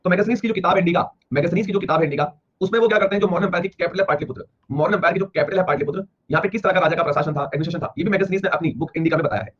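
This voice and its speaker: A man teaching history in a classroom lecture, explaining rapidly and repeating himself, with an Indian accent. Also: high voice, husky. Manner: rapid, repetitive explaining, slowing to read English lines aloud. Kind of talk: classroom lecture mixing Hindi and English. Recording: dull lo-fi classroom recording with faint ambience.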